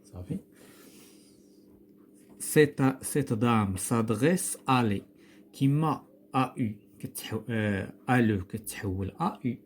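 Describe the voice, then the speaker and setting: A man's voice: medium pitch, expressive, moderate pace, long pauses, slight background noise. A man with a Moroccan accent teaching a grammar lesson, patient and step by step, quizzing a pupil and spelling words out letter by letter. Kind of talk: recorded classroom grammar lesson.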